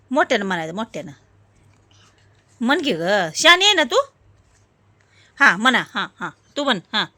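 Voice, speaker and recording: A woman's voice: high voice, sharp tone. A young woman, coaxing a small child on camera, repeating her prompts again and again. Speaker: mother filming her child. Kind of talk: casual home video chat.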